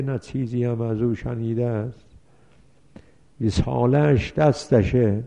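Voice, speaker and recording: A man's voice: medium pitch, gravelly, mellow. A man teaching a seminary lesson on religious law, reading out Arabic passages and explaining each one with worked examples. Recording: dull lo-fi recording.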